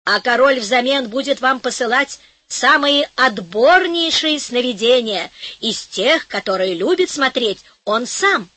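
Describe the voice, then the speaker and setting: A woman reading an audiobook, voicing a tiny, squeaky male envoy from a dream kingdom who bargains in a quick, placating way. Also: lively intonation, pushed and bright, no echo, full character voice.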